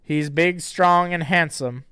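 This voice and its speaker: A man's voice: on the high side, takes it slowly, sharp tone, clean tone, dry recording, clean studio sound, voice pushed up. A man doing a prim young woman. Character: calm young woman, the hero's friend.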